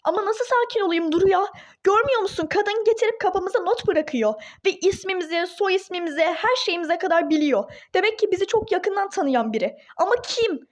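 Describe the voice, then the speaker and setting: A woman's voice: very high voice, animated, fairly quick. A woman voicing a furious, indignant young wife in a toy-game role-play drama, speaking in exclaiming outbursts. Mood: outraged.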